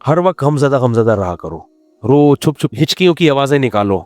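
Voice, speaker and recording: A man's voice: medium pitch, sing-song, a little mellow, no room sound, soft background music. A man, a religious scholar answering questions with teasing humor, acting out quoted pleas.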